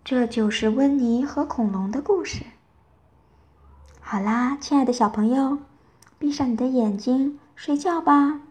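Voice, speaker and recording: A woman reading a bedtime story to children, telling it gently and with lively expression. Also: high-pitched, measured pace.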